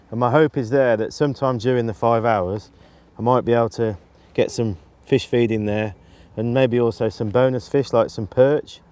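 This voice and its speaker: A man in his forties, a match angler, explains his tackle and tactics to camera from a riverbank, practical in manner and prone to restarting his sentences. Picked up close by a lapel mic, his middle-pitched voice sounds clear, resonant, and a little mellow.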